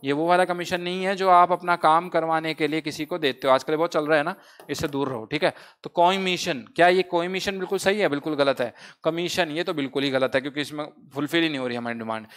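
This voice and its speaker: Male tutor, smooth resonant voice, slightly high, spells words slowly and answers his own questions. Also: steady tone, fairly bright tone. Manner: asks the class questions and answers them himself; mixes English phrases into his teaching. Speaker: English vocabulary teacher. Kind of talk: online exam-prep lesson.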